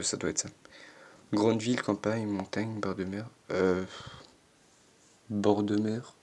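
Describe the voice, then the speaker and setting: Teen boy youtuber, lowish husky voice, stammers and jokes while reading a quiz on a desk mic. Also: darkish tone. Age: teenager, 14. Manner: hesitant, stammering, self-mocking, many fillers. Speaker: YouTuber answering an online quiz. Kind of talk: casual commentary reading quiz questions aloud.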